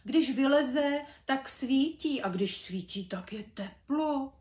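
A curious little boy bumblebee chatters away in a high, bright voice, as a woman acts him out. He sounds cheerful and inquisitive. The room around him is echoey. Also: animated. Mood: chatty.

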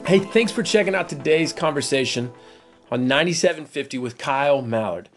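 A man hosting a casual church podcast, talking in a relaxed, chatty way with plenty of fillers, and he has a wife and kids. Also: a little high, fairly quick, faint music behind. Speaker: podcast host.

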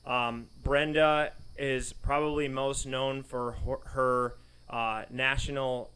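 A man's voice: mid-range voice, flat delivery, takes it slowly, fairly bright tone, clean tone, poor audio. A man in his thirties with a Southern US accent, hosting a running podcast in a studio, reading race results and then chatting with fillers. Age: 30s. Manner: reads a long list of race results, then chats with fillers. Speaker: podcast host and running coach. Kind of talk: podcast chat with a scripted intro.

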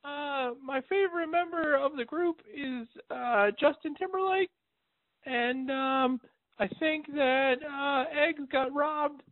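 Caller: man, high voice, slow, leaving a voicemail on a tinny dry phone line. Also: dry recording. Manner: rambling, halting, full of fillers. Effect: voicemail message over a phone line.

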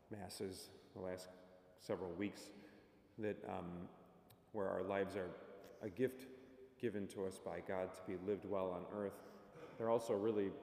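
A man speaking as a priest at Mass, measured, in a big church with cathedral echo. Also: sits low, gravelly, a little mellow. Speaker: priest preaching a homily at Mass. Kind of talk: Gospel reading and sermon. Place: large reverberant church interior. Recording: echoey church hall, long cathedral-like reverb.

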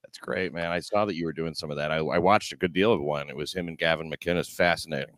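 A man hosting a podcast, chatting casually with a dry, deadpan delivery. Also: rumbling low, fast talker, dry recording. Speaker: podcast host. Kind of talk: casual comedic podcast chat.

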